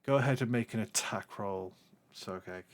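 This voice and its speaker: A man running a tabletop game as game master, narrating casually in a halting, informal way. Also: fairly low pitch.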